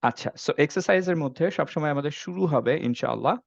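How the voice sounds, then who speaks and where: A man's voice: a little high, a little fast, creaky, dry recording, dull audio. A man teaching Quran recitation in an online class, patiently demonstrating letter sounds and checking if students follow. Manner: patient, checks understanding with frequent "okay?". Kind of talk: online tajweed class, Bengali mixed with English.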